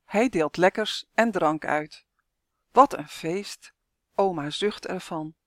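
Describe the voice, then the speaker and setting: A woman author reading her own children's storybook aloud, clear and expressive. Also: fairly low pitch, takes it slowly, no room sound, clean studio sound. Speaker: author and narrator.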